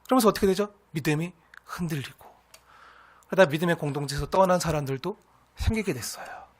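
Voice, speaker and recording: A pastor preaching a sermon in an earnest, repetitive way, sometimes acting out the taunts of scoffers. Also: male voice, on the high side, fast.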